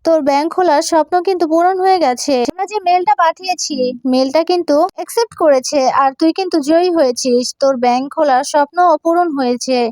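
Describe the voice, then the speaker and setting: A woman with a high voice retells a TV serial episode scene by scene, reading every character's lines in her own plain voice. She pauses now and then on fillers. The recording is dry and close. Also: a little mellow, dry recording. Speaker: serial synopsis narrator.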